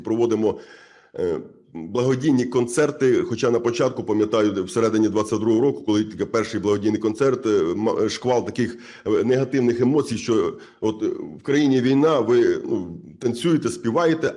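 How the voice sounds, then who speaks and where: A man from Ukraine, a community head, gives a conference speech in a halting, earnest way, full of filler sounds and restarts. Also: medium pitch, warm tone. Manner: earnest, repeats himself for emphasis.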